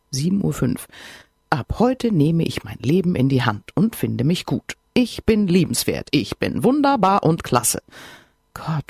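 A woman reads a comic diary aloud with a wry, self-mocking bite, her pitch bouncing all over. Her voice is gravelly and a bit husky, recorded close and dry. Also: darkish tone, dry recording. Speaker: audiobook narrator. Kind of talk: first-person diary narration.

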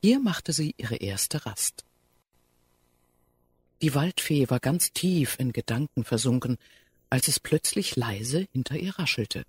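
A man narrating a children's fairy tale in an expressive, animated way. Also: mid-range voice, takes it slowly, husky. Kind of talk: scripted storybook narration.

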